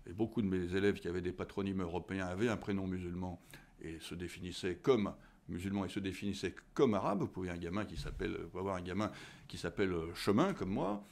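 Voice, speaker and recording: A man in his sixties, a history teacher as a guest, answering at a measured pace with frequent fillers and restarts, recorded on a desk studio microphone in an office. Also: low-pitched, expressive, gravelly, darkish tone. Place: indoor office with tall window.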